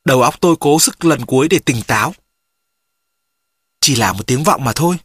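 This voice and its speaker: A man's voice: mid-range voice, lively intonation, fairly bright tone, breathy edge, no room sound. Male audiobook narrator, dry and close. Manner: measured first-person storytelling.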